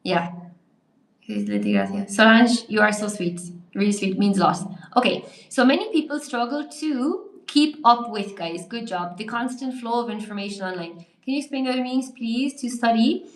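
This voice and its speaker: A woman teaching English in a live online stream reads and answers viewers' comments between quiz questions, chatty and encouraging while typing and reacting to the chat. Her voice is fairly high with vocal fry at a normal speed. The room sounds echoey, with noticeable reverberation.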